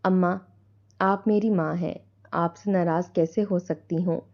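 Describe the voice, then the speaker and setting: A woman voicing a soft-spoken forgiving young mother. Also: fairly low pitch, steady tone, muffled recording, close to an everyday voice. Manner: soft, quiet. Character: gentle widowed daughter, young mother.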